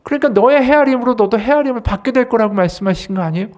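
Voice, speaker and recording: A pastor preaching at a church service in a voice of middle height. The delivery is animated and swings between rising and falling, with many rhetorical questions put to the congregation. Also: medium pitch, rapid-fire. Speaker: associate pastor. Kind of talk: sermon.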